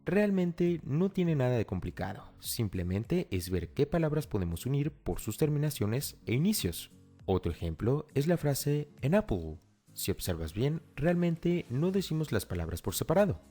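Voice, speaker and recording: A man's voice: mid-range voice, sing-song, normal speed, warm tone, soft background music. A man giving a scripted language lesson, explaining step by step and speaking directly to the learner. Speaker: English teacher. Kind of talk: scripted tutorial narration.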